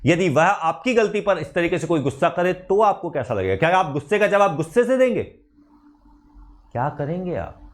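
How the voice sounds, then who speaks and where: A man's voice: sits high, big pitch swings, normal speed. A middle-aged man, a chemistry teacher, giving an emphatic motivational talk to exam students, asking rhetorical questions and slipping English phrases into his speech.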